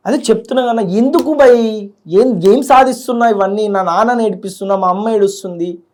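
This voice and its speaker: A man's voice: high voice, a little fast, a little mellow. A young man speaks. As the guest of an interview, he talks with heartfelt feeling and often repeats his words. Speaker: student leader guest. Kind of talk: emotional interview.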